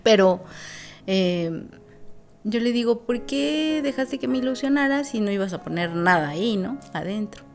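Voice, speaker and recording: A woman's voice: on the high side, lively intonation, moderate pace, darkish tone, faint music behind. A woman, a guest sharing a personal testimony in an earnest, reflective way, with many fillers.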